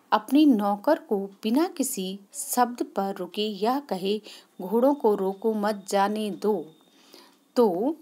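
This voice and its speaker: Slow, mellow-voiced woman teacher. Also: a little high. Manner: explains step by step, repeats key points, asks and answers her own questions. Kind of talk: online grammar lesson.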